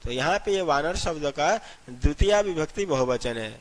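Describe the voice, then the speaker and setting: A man with a somewhat high-pitched voice teaches a school grammar lesson, calling his students "children". He explains each form step by step and recites long lists of number words one after another. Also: lively intonation, normal speed. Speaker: Sanskrit teacher. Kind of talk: classroom-style grammar lesson.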